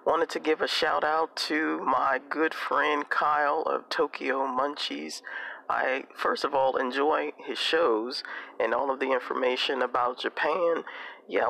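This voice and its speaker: A man giving a casual promotional endorsement, emphatic and repetitive, with a gravelly voice. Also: medium pitch, pushed and bright, a little hiss or hum, rough recording. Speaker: guest giving a shout-out.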